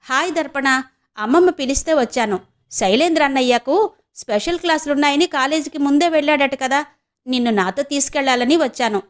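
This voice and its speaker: A woman's voice: high-pitched, a little fast, voice pushed up, close to an everyday voice. Woman doing a cheerful young college girl.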